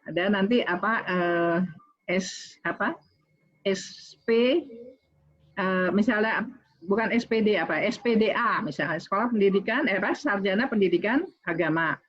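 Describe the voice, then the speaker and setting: A woman's voice: mid-range voice, moderate pace. A middle-aged woman giving an online lecture on public speaking, talking straight to her listeners, with many fillers and restarts. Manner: many fillers and restarts, addresses audience directly. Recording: slightly dull lo-fi audio.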